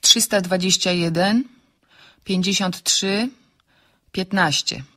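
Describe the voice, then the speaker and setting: A wry, sharp-tongued architect. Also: female voice, on the low side, takes it slowly, heavily acted. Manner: dry, ironic, decisive. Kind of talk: radio drama acting.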